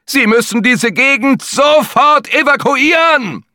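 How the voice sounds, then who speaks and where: A man shouting as an urgent evacuation officer. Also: very high voice, animated, slow pace, no echo, studio quality, voice pushed up, full character voice. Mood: commanding, urgent. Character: man on a motorbike ordering an evacuation.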